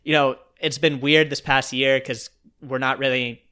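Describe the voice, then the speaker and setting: Young male co-host, bright tone, rambling casual chat full of "um" and "you know". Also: mid-range voice, flat delivery, moderate pace, smooth. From Virginia. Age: 20s. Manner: rambling, many fillers. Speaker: podcast co-host.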